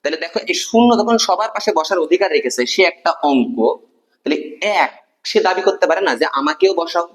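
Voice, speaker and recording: A man with a fairly high voice gives a classroom lecture. He explains step by step and keeps checking with his students through questions. When he lists letters or digits he slows down and sinks lower. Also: a bit bright. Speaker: teacher.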